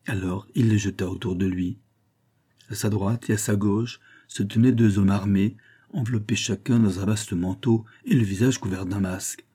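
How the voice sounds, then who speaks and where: Dark, husky male audiobook narrator. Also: on the low side, steady tone, moderate pace. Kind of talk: scripted narration of a classic novel.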